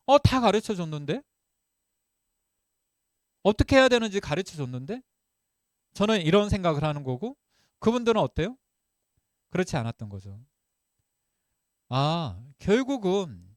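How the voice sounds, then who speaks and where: A man giving a motivational seminar talk as group leader, lively and acting out his own past remarks in quotes. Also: on the high side, no echo, clean studio sound.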